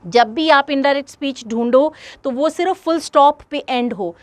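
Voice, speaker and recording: A woman's voice: high-pitched, moderate pace. A woman teacher going through exam questions step by step, speaking straight to her students. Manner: explains step by step, addresses students directly. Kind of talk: exam-prep lesson in Hindi-English mix.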